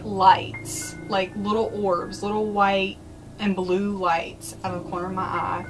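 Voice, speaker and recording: A woman's voice: medium pitch, rough recording. A woman talking casually to viewers as a vlogger, telling spooky personal stories in a chatty, conversational way. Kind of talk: casual storytelling about eerie happenings. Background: music.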